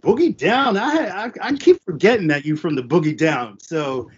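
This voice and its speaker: A panel guest from the New York and New Jersey area, whose first languages were French and Haitian Creole, tells his story candidly and earnestly, full of "uh" and "you know." His voice is a little high and animated, at a moderate pace. The audio sounds dull, with slight background noise.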